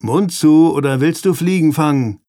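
A man's voice: fairly high pitch, normal speed, warm tone, no echo, studio quality, pitched above the performer's own voice, close to an everyday voice. A man voicing a bold eleven-year-old boy, the older brother, with a firm, scolding manner.

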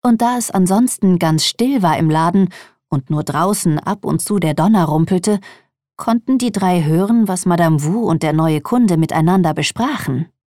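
A woman's voice: lowish voice, animated, moderate pace, mellow, no echo, studio quality. Woman reading a children's story aloud. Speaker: narrator. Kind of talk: children's audiobook narration.

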